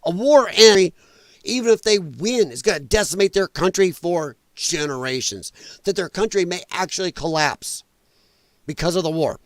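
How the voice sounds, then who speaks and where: A man's voice: on the high side, expressive, normal speed, no echo. A man hosting a political livestream, speaking bluntly and sarcastically in a casual monologue. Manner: blunt and sarcastic, mocks opponents in put-on voices. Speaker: political commentary livestream host.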